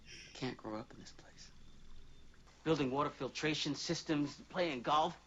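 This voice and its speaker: A man's voice: on the high side, normal speed, a bit bright, highs cut off, a little hiss or hum. A man playing a stubborn, protective, hot-tempered father in a naturalistic TV drama. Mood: determined.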